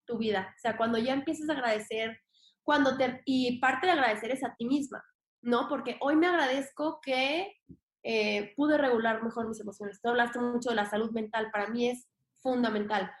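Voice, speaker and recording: A young adult woman with a Mexican accent, a podcast guest chatting casually in an expressive, slangy way and acting out her inner voice. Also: a little high, normal speed. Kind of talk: casual conversation. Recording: echoey room.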